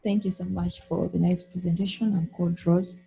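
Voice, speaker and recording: A woman's voice: fairly low pitch, level tone, normal speed, gravelly, warm tone, slight background noise, low-quality recording. A woman in the audience asking a curious, probing question at a conference.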